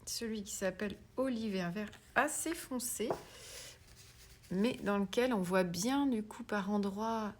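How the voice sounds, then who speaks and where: A woman's voice: mid-range voice, a little slow. Woman, craft tutorial host, chatty and self-mocking, mid-range voice, faint background hiss. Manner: chatty, drops to soft whispered asides while working; self-mocking, laughs at her own English pronunciation. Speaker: craft demonstrator. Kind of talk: casual tutorial demonstration.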